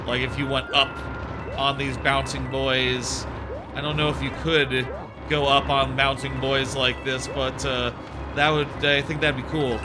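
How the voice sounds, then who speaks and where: Speaking in a medium pitch with a level tone and measured pace, a man rambles casually while streaming a game, dropping in lots of fillers. He's a bit sniffly with a sore throat, and game music can be heard behind him.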